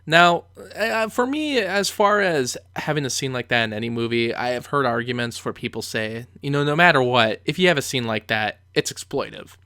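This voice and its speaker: A man's voice: medium pitch, normal speed, few pauses, bright, forceful tone, smooth, dry recording, studio quality. A man giving conversational film commentary as a reviewer, telling the story with emphatic asides.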